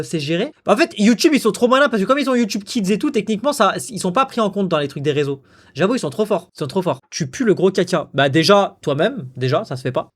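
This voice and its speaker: A young man streams live, riffing and joking with his viewers in a rowdy, slangy way. His voice sits high. It swings up and down with lively energy. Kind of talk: casual live-stream chat.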